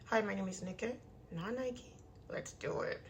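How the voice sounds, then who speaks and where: A woman in her thirties delivers motivational advice with a tight, clenched-jaw sound, as her jaw is wired shut. She is blunt and emphatic, repeating key phrases at a medium pitch. There is clear background noise in the recording. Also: unhurried. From Nigerian immigrant household. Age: 30s. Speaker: vlogger giving self-help advice. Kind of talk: direct-to-audience motivational advice talk.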